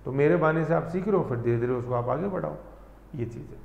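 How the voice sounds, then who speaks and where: A man's voice: a little high, creaky, a little mellow. Man, teacher, exam-prep lesson, chatty check-ins, long reverb, muffled lo-fi sound. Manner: conversational, checks in constantly with "thik hai"; spells out pronunciation slowly, syllable by syllable. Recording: echoey, dull lo-fi room recording.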